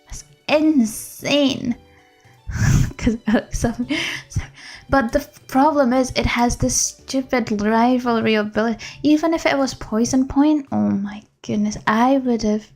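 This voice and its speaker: A woman's voice: fairly high pitch, unhurried, a little mellow, faint music behind. A woman game streamer chatting casually on a live stream from a room at home, rambling and laughing often. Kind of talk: casual livestream chat.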